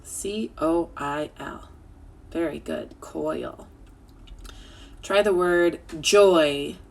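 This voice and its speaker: A woman leads a live phonics lesson for young children and stretches every sound out very slowly. Her voice sits a little low and has a gravelly edge. A faint hiss of room noise sits behind her. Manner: slow, clear sounding-out of words. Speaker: teacher.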